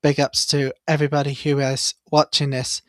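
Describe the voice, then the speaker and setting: A man hosting a live cricket watchalong, chatty and excitable, jumping up in pitch at big moments. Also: normal speed, dry recording. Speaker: watchalong host.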